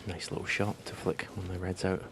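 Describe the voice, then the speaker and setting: Male snooker commentator, hushed and measured, very flat intonation, over clearly audible arena ambience. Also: sits low. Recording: noisy arena ambience with audience. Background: audience and hall noise.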